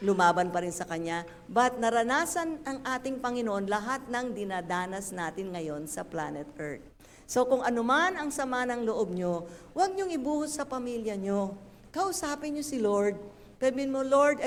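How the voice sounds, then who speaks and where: A woman pastor preaching a lively, playful sermon, slipping English phrases into her talk. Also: mid-range voice. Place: church hall. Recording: echoey church hall.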